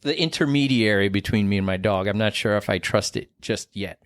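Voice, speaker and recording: A man's voice: fairly low pitch, brisk, no room sound, studio quality. A man co-hosting a talk show with casual banter. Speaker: co-host.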